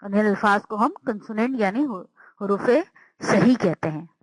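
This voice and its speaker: A woman teacher giving a slow, patient language lesson, sounding out words and repeating them. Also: medium pitch, animated, dry recording, low-quality recording.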